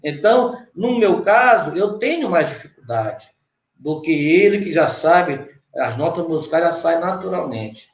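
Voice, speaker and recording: Brazilian guy teaching a poetry workshop on a video call, highish voice, keeps asking the guest if he's right. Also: big pitch swings, unhurried, muffled recording. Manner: patient, explains step by step, checks in with the guest. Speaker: cordel poet teaching a workshop. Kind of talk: online workshop lesson. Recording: roomy echo.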